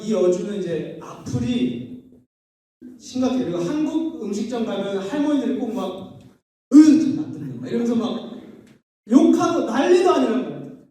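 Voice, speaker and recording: High, lively man preaching in an echoey hall. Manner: playful storytelling, acting out scenes, leading call-and-response. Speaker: pastor. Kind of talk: youth retreat sermon. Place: church hall at a youth retreat. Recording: echoey hall, mic at a distance.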